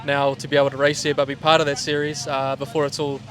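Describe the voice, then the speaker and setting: A man's voice: medium pitch, completely flat delivery, quick pace, fairly bright tone. A man with a broad Kiwi accent chatting casually and in a laid-back, slangy way as a driver being interviewed. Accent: New Zealand. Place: outdoors at a speedway. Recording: outdoor trackside with vehicle noise.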